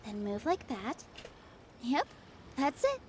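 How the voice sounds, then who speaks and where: A woman voicing a cheerful young female anime game character who gives gentle instructions in a playful, theatrical dub manner. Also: sits high, wildly swooping pitch, slow, a little hiss or hum, heavily acted. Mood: playful, coaxing. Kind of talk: video game character voice acting.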